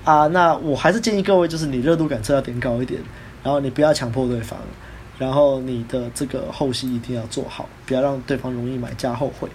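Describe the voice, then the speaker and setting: A man with a Taiwanese Mandarin accent, hosting a podcast, telling a personal story in a casual, animated way and acting out the people he quotes. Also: medium pitch, fast, slight background noise. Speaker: podcast host.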